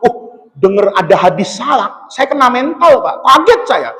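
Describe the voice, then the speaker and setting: Animated male preacher in an echoing hall. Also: very high voice, a little slow. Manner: storytelling, animated, acts out dialogue in his telling. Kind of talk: dawn mosque sermon with a told story. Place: large mosque hall. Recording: long mosque hall reverb.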